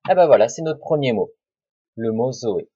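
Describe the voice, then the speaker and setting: A man, a primary school teacher giving a recorded spelling lesson to children, slowly sounding out words syllable by syllable with patient dictation. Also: mid-range voice, lively intonation, dark tone, slightly rough, no room sound, highs cut off.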